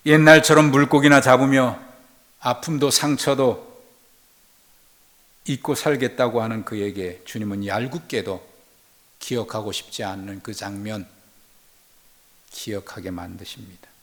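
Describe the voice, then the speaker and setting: A man delivers a sermon at a measured, reflective pace in a mid-range voice. He lets his voice sink almost to a whisper in quiet moments. Then he rises sharply to loud, emphatic declarations. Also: medium pitch, steady tone. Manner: dramatic swings from hushed, near-whispered passages to loud emphatic lines. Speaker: pastor.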